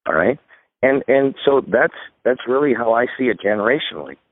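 As a radio interview guest, this retirement expert in his fifties speaks at medium pitch with lively intonation and a slightly fast pace. His advice is emphatic and instructive, set out step by step. He comes through a dry, tinny phone line with no echo.

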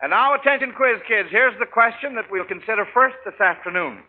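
High-voiced 1940s radio quizmaster, tinny recording. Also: male voice, a little fast. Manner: schoolmasterly, folksy address to children. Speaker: radio quiz show host. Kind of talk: 1940s radio quiz hosting.

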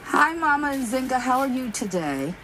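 A woman hosting a call-in radio show, announcing in a slow, friendly way. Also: high-pitched, big pitch swings, noisy background. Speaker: radio talk show host.

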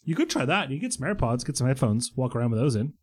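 A man trading quick, wry remarks on a podcast. His voice sits at a middle pitch, and he talks fast and conversationally. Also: big pitch swings, breathy edge. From Croatia. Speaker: podcast co-host. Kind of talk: casual chat.

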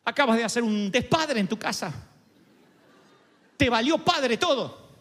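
A male pastor preaches in a high, sweeping voice that leaps up and down, pressing his listeners with rhetorical questions. His words carry a long reverb from a church hall. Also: measured pace. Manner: lively, rhetorical, asks the audience questions. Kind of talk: sermon.

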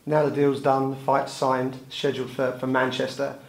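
A male sports interviewer asks long, detailed questions. His voice sits at an ordinary pitch. The room around him echoes noticeably. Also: completely flat delivery, normal speed.

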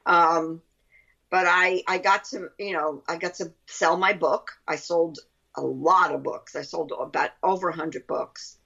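A woman's voice: on the low side, fairly even intonation, measured pace, vocal fry, sharp tone, breathy edge. A woman with a Brooklyn accent chatting casually as an interview guest, rambling and often repeating her phrases. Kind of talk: casual chat. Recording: dull lo-fi line.

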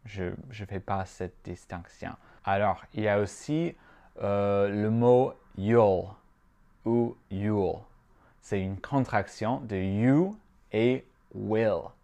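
A man with an American Midwest accent, slowly teaching an English lesson for French speakers and repeating each phrase word by word. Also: lowish voice, dark tone. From Midwestern United States. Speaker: language teacher.

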